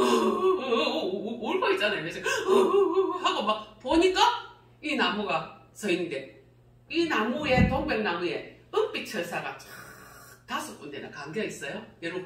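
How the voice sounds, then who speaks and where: A woman giving a testimony sermon in a church sanctuary, telling her story in an animated way and laughing often as she speaks. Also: mid-range voice. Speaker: pastor's wife giving testimony. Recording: echoey church hall, voice from far off the mic.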